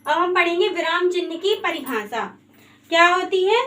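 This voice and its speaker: A woman's voice: very high voice, lively intonation, normal speed, sharp tone. A woman teaching a grammar lesson in a patient way, asking the class questions and answering them herself.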